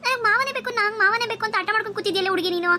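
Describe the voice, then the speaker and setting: A woman's voice: extremely high pitch, rapid-fire, background noise. A woman voicing a worried, sensible middle-aged mother in a cartoon, coaxing and exasperated. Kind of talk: cartoon voice acting.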